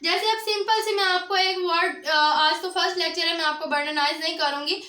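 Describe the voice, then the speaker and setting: A woman teaching a beginner language lecture, explaining step by step and pausing often to check in with students. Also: extremely high pitch, steady tone, pushed and bright, roomy sound. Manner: explanatory, often adds a check-in filler after each point.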